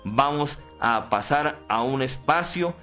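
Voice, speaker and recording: A man's voice: medium pitch, animated, slow, pushed and bright. A man who is a priest, giving a broadcast sermon and explaining scripture in a homely, conversational way, often asking his listeners questions. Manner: asks the listeners frequent rhetorical questions. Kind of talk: broadcast sermon and Bible teaching. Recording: dull lo-fi broadcast with faint music behind.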